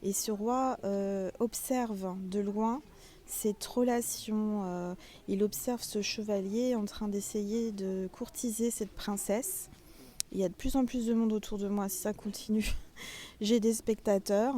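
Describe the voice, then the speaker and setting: A woman's voice: medium pitch, steady tone, measured pace, dark tone, a little hiss or hum. Chatty woman reading tarot outdoors. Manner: chatty, addresses viewers as little stars. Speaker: tarot reader. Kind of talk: casual spoken tarot reading. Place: outdoors in front of a castle, people around.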